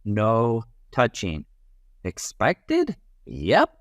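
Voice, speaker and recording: A man with a mid-pitched voice reads a children's book aloud like a classroom teacher, very slowly and instructively, his pitch very lively as he stresses key phrases. The sound is dry and close, with no echo.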